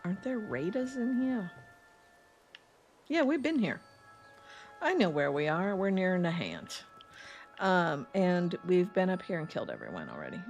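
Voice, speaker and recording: A woman's voice: on the low side, sing-song, measured pace, pauses often, soft background music. A woman with an East Coast accent, streaming a game and chatting in a rambling, laughing way while reading chat aloud. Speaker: gaming streamer. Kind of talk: casual let's-play chat.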